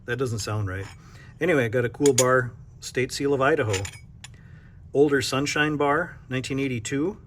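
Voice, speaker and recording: A man's voice: mid-range voice, moderate pace, slight background noise. Chatty man unboxing silver bars. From North Dakota. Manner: chatty, self-deprecating, thinking aloud. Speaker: coin shop owner. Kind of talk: casual unboxing vlog.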